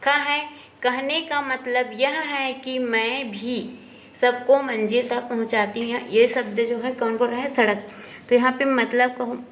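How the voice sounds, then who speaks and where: Woman teacher, textbook lesson, patient and unhurried, slightly high voice, faint background noise. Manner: slow, explanatory, often asks and answers herself.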